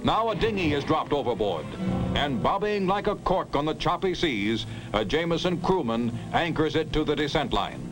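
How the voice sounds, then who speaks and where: A man's voice: fairly high pitch, big pitch swings, normal speed, music in the background, low-quality recording. A man narrating an old 1950s newsreel in the announcing manner of the era.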